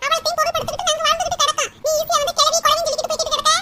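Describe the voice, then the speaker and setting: A cranky old village granny from a cartoon, voiced very high and squeaky by a woman, who scolds fast and throws insults at anyone who crosses her. Her speech races along, with a steady noisy hiss behind it. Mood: lecturing. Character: cranky old village grandmother, quick-tempered. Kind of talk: cartoon voice acting.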